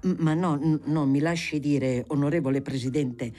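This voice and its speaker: A reader voicing an irritable, agitated male politician who bursts out in angry, exasperated shouts. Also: medium pitch, fairly even intonation, normal speed, close to an everyday voice. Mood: insistent. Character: irritable, agitated communist deputy, grown man.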